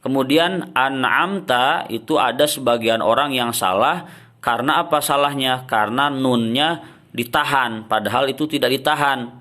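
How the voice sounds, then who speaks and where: A man teaching Quran recitation, explaining common mistakes and then chanting verses in a slow, drawn-out way. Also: medium pitch. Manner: ends points with soft drops "ya", "nah".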